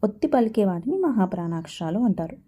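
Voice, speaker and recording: Lady teacher going through a textbook, asks then answers herself, really dark mellow voice. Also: mid-range voice, sing-song, a little fast, breathy edge. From Telangana. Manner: asks and answers her own questions. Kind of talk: textbook lesson explanation.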